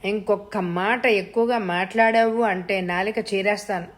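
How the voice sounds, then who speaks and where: A man's voice: sits high, steady tone, normal speed, natural voice. A woman voicing a stern middle-aged father who scolds and threatens harshly. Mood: scolding.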